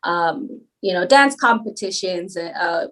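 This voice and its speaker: Speaking slowly in a lowish, animated, slightly bright voice, a Palauan woman chats casually as a podcast guest, rambling through her story and laughing often. The recording is rough.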